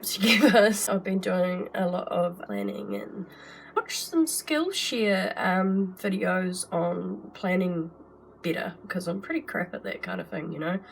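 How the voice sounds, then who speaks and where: A woman's voice: medium pitch, vocal fry, slight background noise. A woman in her thirties, chatty and rambling with fillers and laughs, vlogging casually from her home art desk while her voice sounds sick. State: sick, rough voice. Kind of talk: casual vlog to camera.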